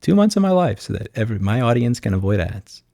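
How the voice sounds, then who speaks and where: Fast-talking and gravelly yet mellow, a man swings his medium-pitched voice widely as he ad-libs a screen walkthrough. He's a blunt, sardonic YouTube host and consumer rights advocate in an informal vlog monologue, captured dry at studio quality.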